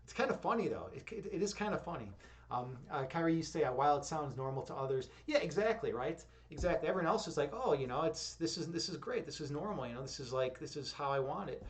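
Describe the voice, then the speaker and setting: A young man hosting a relaxed live stream, reading chat aloud and rambling with lots of fillers and easy chuckles. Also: a little high, quick pace. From Chicago. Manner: rambling, many "like" and "you know" fillers, chuckling. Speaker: streamer host.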